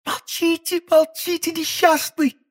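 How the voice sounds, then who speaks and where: A man's voice: high voice, fairly even intonation, moderate pace, a little mellow, pitched above the performer's own voice. A man voicing a frightened young woman who pleads urgently in an audiobook. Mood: alarmed. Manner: pleading, alarmed. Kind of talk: audiobook character voice.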